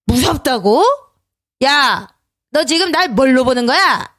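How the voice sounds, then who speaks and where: A man's voice: extremely high pitch, animated, a little slow, bright, forceful tone, dry recording, clean studio sound, voice pushed up, heavily acted. Woman voicing a bossy older father-in-law in a storybook drama, brusque and scolding. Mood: angry. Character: older father-in-law, pushy and quick to anger.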